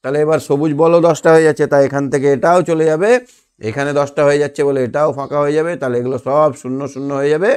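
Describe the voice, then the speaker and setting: A man's voice: a little high, fairly even intonation, very fast, darkish tone, clear, resonant tone. A man teaching an online math lesson, patiently asking questions and answering them himself. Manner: patient, asks and answers his own questions. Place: online class on a video call.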